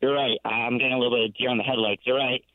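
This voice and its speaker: A man's voice: medium pitch, level tone, racing. A man calling in to a radio sports talk show, eager and rambling as he makes his point over the phone line.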